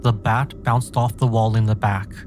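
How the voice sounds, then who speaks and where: Low-pitched man narrating a scary story. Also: fairly even intonation, normal speed. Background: background music.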